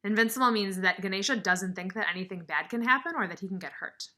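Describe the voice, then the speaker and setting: A kindergarten teacher talks quickly in a medium-pitched voice, reading aloud to young children and explaining with expressive emphasis while asking them questions.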